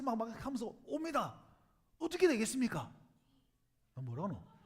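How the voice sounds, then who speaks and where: Male pastor, Gyeongsang accent, animated sermon with a lively, swooping delivery. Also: high-pitched. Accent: Gyeongsang Korean. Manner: animated storytelling, acts out crowd voices, jokes with congregation. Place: church sanctuary.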